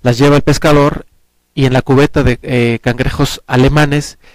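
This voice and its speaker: A man's voice: medium pitch, moderate pace, dry recording. Mexican man explaining, dry studio sound. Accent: Mexican Spanish. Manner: earnest, explains at length with lively hand gestures. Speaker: pension advisor guest. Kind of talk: explanatory talk-show chat. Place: small TV studio set, indoors. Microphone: headset mic.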